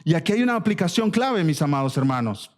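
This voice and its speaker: A pastor with a Latin American Spanish accent preaches an expository sermon to his church, emphatic and exhorting, repeating phrases and asking rhetorical questions. His fairly high voice is fast and sing-song.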